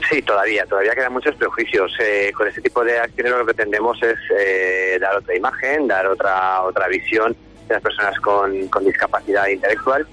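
A man's voice: fairly low pitch, steady tone, fairly quick, pushed and bright, faint music behind, poor audio. A man answering spontaneously in a radio interview, hesitating and repeating words. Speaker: charity communications officer, interview guest.

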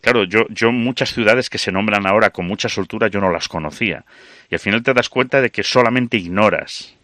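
A man's voice: lowish voice, brisk, bright, forceful tone, no echo, clean studio sound. A man hosting a radio interview, talking in a conversational, reflective way. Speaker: radio host.

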